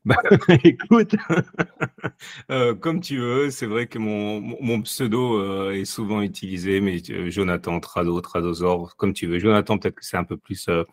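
A deep-voiced man speaks over a low-quality long-distance call. He talks as an interview guest and explains things hesitantly, often going back over his words. The sound is dry, without room echo. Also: measured pace. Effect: low-quality long-distance call audio. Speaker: podcast guest, technical analyst. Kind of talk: conversational podcast interview.

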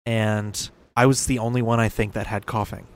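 A young man in his early twenties hosts a casual solo podcast, rambling, correcting himself, and laughing at his own remarks. His voice sits on the low side, with a flat delivery and a moderate pace.

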